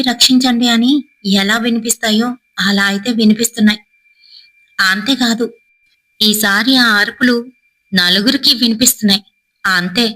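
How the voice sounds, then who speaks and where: A woman's voice: bright, forceful tone, low-quality recording. A woman narrating a horror story, acting out the characters' frightened cries. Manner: dramatic, voices characters' cries with a raised pitch.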